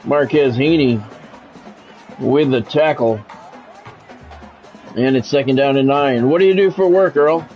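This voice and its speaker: Unhurried and prone to long pauses, a man with a medium-pitched, darkish voice livestreams sports commentary. He flips between terse announcer play calls and laid-back chat with viewers over music as a play-by-play game streamer.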